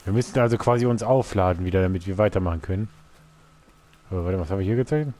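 Low, dark-voiced man commenting on a game. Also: very fast. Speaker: let's player. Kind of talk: casual gameplay commentary. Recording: faint game noise behind.

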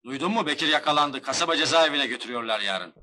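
An actor playing a steady gendarme who gives earnest, measured counsel in a film drama. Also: male voice, a little high. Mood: earnest, reassuring. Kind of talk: dubbed film drama acting.

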